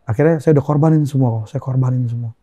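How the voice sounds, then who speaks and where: A young Indonesian man telling an emotional personal testimony as a guest, earnest and halting, repeating phrases as he goes. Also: mid-range voice, mellow, slightly rough, no echo, lo-fi sound.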